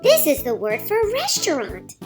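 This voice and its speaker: A woman voicing a cheerful, eager young girl in a children's cartoon, narrating a language lesson in a slow, encouraging way and repeating words. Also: high-pitched, huge pitch swings, music in the background. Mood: encouraging, teacherly.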